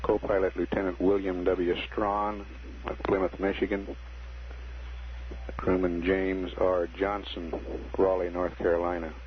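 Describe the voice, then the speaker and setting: Male mission announcer, very even and formal delivery, dull archival space-radio sound. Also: low-pitched, measured pace. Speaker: mission control public affairs commentator. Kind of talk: measured live mission commentary. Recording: muffled 1960s space mission radio, noisy.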